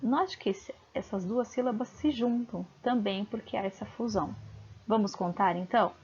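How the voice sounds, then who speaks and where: A woman's voice: medium pitch, normal speed, darkish tone, breathy edge, dull audio. A woman teacher giving a home-recorded video lesson, patiently sounding out syllables one by one.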